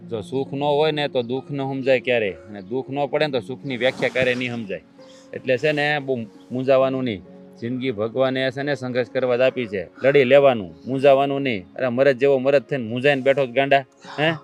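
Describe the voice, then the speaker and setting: A man's voice: medium pitch, steady tone, fast, soft background music, lightly acted. A man playing a supportive village friend who consoles with homespun wisdom. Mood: consoling. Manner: philosophizing, urging. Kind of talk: rural family stage drama.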